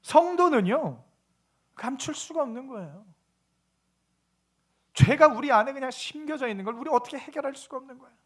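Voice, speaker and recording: High-voiced man preaching a sermon. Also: lively intonation, brisk, pauses often. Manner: preaching, asks the congregation questions, acts out quoted voices. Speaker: pastor. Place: church sanctuary.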